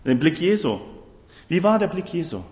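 Emphatic preacher in an echoing hall. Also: male voice, a little high, sing-song, normal speed, darkish tone. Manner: emphatic, with rhetorical questions to the listeners. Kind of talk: sermon. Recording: roomy hall with long reverb.

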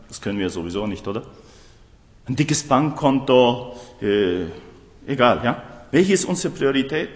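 Emphatic preacher in an echoing hall. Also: male voice, medium pitch. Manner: emphatic, with rhetorical questions to the listeners. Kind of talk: sermon. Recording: roomy hall with long reverb.

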